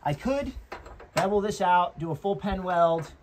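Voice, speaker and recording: A man's voice: high voice, lively intonation, a little slow, poor audio. A young man, a mobile welder, casually explaining his work outdoors, laid-back and cursing now and then. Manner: laid-back, swears casually, plugs gear. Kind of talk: casual how-to narration. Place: outdoors beside a trailer. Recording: loud generator noise outdoors. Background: loud engine and work noise.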